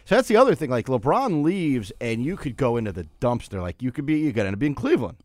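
A man's voice: mid-range voice, very animated, quick pace, no echo, clean studio sound. A man hosting a sports radio show with casual, conversational commentary, often repeating and rephrasing himself as he goes.

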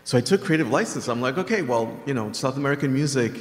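A man's voice: medium pitch, lively intonation, fast talker, reverberant, long reverb tail. A man from Venezuela, a game composer and multi-instrumentalist, speaking earnestly on a panel. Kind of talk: panel discussion.

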